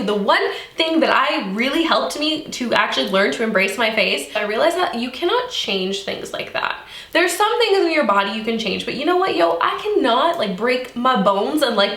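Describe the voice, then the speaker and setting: A woman's voice: on the high side, a bit bright. A young woman working as a makeup artist, chatting earnestly and upbeat in a casual beauty tutorial. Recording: echoey room.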